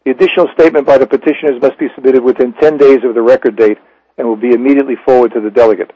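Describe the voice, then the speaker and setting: A man chairs a meeting by phone, and his voice keeps breaking up and going underwater on a bad connection. The line is muffled and dry, with no room around it. He reads the motions in a halting way, full of fillers and restarts. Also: mid-range voice, steady tone, dark tone, no echo. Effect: bad phone connection, breaking up and sounding underwater. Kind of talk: reading motions aloud at a meeting.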